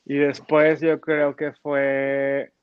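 A young man with a Mexican accent, telling childhood stories in casual chat with an animated, gushing manner. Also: fairly high pitch, drawn-out words, smooth, dry recording, highs cut off.

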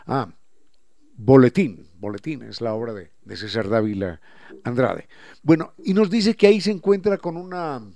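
A man hosting a talk show, explaining language points in a professorial way and slowly spelling out sounds and words. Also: medium pitch, darkish tone. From Ecuador. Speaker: radio host.

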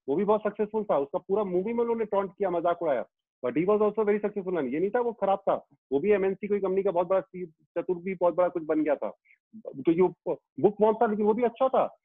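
A middle-aged man, a teacher, talks emphatically in an interview and circles back to his key phrases again and again. His voice sits on the high side. The recording is tinny and phone-like, with no room sound at all. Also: no room sound. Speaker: teacher of students and YouTube educator. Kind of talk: animated interview talk. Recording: tinny phone-like line, dry.

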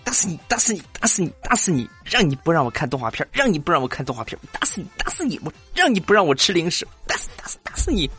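A man voicing a cheeky, mischievous little boy with a high, childish voice. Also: expressive, normal speed, few pauses, pushed and bright, soft background music. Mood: muttering.

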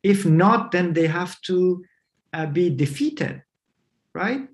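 This man from Afghanistan speaks English as a second language, and his high, animated voice moves slowly and haltingly through remote interview answers. As a guest, he frequently restarts and leans on fillers.

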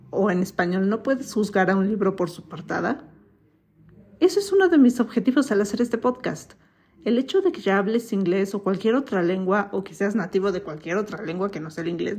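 Speaking in a mid-range, darkish voice with some breathiness, this podcast host is a woman from Mexico with a Mexican accent. Her casual commentary is talkative and full of opinions, broken by the odd self-mocking laugh.

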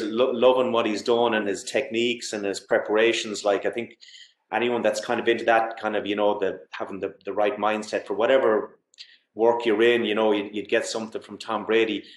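A man's voice: fairly low pitch, level tone, fairly quick. A man from Galway with a west of Ireland accent, talking enthusiastically and casually about sport as a guest, often dropping in "you know". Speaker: interview guest. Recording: roomy, echoey sound.

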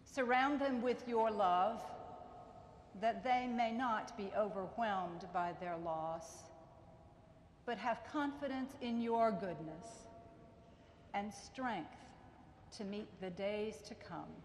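A woman reading a formal funeral prayer, solemn and deliberate, in a large echoing cathedral. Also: mid-range voice. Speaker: clergywoman. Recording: cathedral echo, long reverb, background noise.

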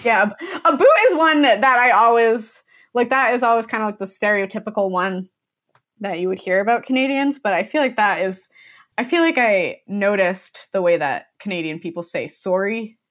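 A young woman from the United States chats casually as a podcast guest, her voice sitting at an ordinary middle pitch. She rambles through her thoughts with plenty of fillers and breaks into laughter often. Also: moderate pace, fairly bright tone, dull audio. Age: young adult.

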